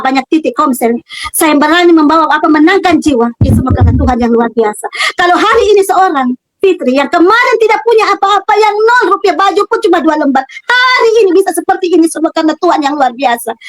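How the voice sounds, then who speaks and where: A middle-aged woman with a high voice tells her personal religious testimony, speaking earnestly and haltingly, circling back over words and pausing on fillers. The sound is dry and close, recorded in her own room. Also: no room sound, low-quality recording. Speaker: convert giving a testimony.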